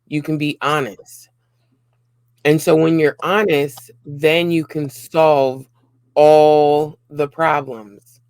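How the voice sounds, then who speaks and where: A man's voice: fairly high pitch, no room sound. A man co-hosting a casual relationship talk, speaking earnestly in short repeated phrases. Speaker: co-host of a relationship channel.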